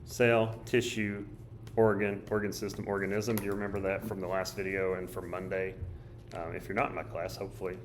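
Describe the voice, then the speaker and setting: A male teacher with a hoarse, choked-up voice, casually thinking aloud as he walks through a study guide. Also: sits low, flat delivery, a little fast, slight background noise. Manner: casual, thinks aloud while drawing and writing. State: hoarse, coughing. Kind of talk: recorded study guide walkthrough.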